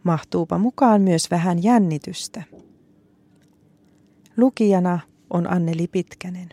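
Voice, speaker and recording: A woman announcer reading a scripted introduction to a children's story program in a measured way. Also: on the low side, warm tone.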